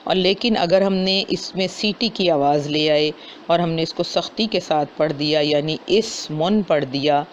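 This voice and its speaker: A man giving a lesson on correct recitation, stopping to sound out words slowly as examples. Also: high voice. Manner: slows down to demonstrate correct pronunciation. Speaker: Quran recitation teacher. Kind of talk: explanatory lesson with demonstrated recitation. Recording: dull lo-fi recording with faint noise.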